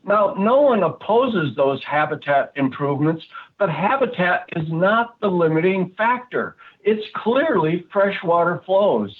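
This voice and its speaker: A man's voice: sits high, very animated, a little slow. A man giving an earnest public comment at a board meeting over a phone line, hesitant, with frequent fillers and restarts. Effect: speaking over a phone line.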